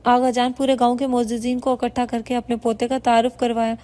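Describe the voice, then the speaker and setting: A woman narrating a bedtime story in a steady, even reading. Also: on the high side.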